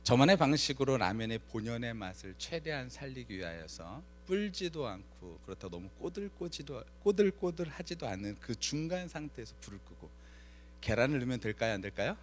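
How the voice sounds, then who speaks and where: A man of medium pitch speaks briskly, with slight background noise, as he preaches as pastor on a Friday night in a church sanctuary. His storytelling is lively: he dramatizes the quoted lines and asks his congregation questions.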